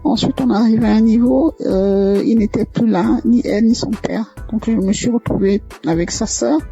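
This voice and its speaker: A woman telling her personal faith testimony, hesitant and halting, full of fillers and restarts. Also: a little high, creaky, breathy edge. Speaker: testimony caller. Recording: muffled lo-fi audio with soft music.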